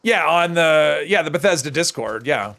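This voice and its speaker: Playing a video game on stream, an adult man from the United States talks casually and fields questions from his viewers. His fairly high, expressive voice has some vocal fry and a slightly bright tone, and he speaks at a normal pace while reading and answering chat.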